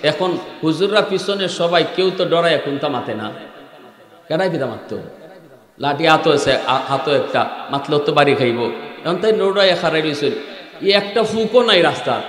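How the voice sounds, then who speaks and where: Male waz preacher, Sylheti-tinged Bangla accent, high voice, singsong shouted peaks, echoey hall. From Habiganj, Bangladesh. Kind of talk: Bengali waz sermon. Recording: echoey sermon hall with long reverb.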